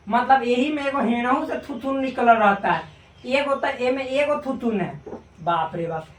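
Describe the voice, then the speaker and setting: A man's voice: very high-pitched, recorded from a distance. Male maths teacher, chatty and jokey, drags out key words, heard from across a roomy class. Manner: joking, colloquial, drawn-out repetitions. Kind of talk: casual classroom lecture. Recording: echoey room, voice from afar.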